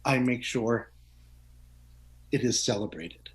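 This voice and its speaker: A man's voice: medium pitch, slow, rough recording. A middle-aged man as an interview guest, talking openly and earnestly, often laughing and restarting his words. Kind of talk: reflective conversational interview.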